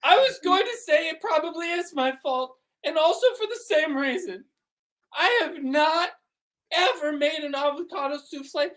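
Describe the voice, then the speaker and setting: A man putting on a fretful mother in a shrill, sobbing falsetto, much higher than his own voice. The voice cracks and wails through improvised comedy. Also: normal speed, a bit bright. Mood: distraught. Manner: wailing, crying falsetto. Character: high-pitched fretful mother.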